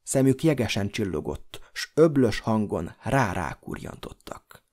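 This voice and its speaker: A man narrating an audiobook in a measured, dramatic storytelling delivery. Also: fairly low pitch, very animated, darkish tone. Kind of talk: scripted narration.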